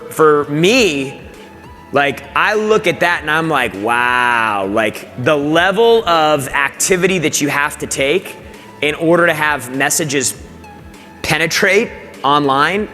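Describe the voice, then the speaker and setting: A man hosts an interview on the stage of a large event hall, talking with energy and firing up the crowd. His voice sits a bit high and sounds bright and forceful. Long hall reverb hangs on his words, with faint music underneath. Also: slow pace. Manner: energetic, hypes the audience. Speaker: event host. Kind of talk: onstage interview.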